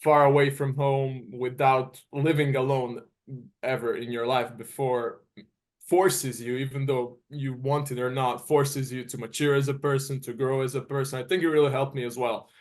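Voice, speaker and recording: A man's voice: mid-range voice, flat delivery, normal speed. A young man in his twenties from Serbia, a native Serbian speaker, answering interview questions earnestly and often restarting as he searches for words. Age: 20s. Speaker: guest college tennis player.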